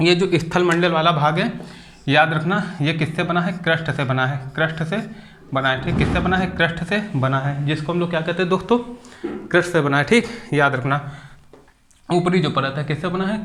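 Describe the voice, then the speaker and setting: A young man teaching an exam-prep lesson in an online video, asking students rhetorical questions and tagging phrases with a quick "okay". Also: a little high, a bit bright, slight background noise. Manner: repetitive, asks students rhetorical questions, ends phrases with "ठीक".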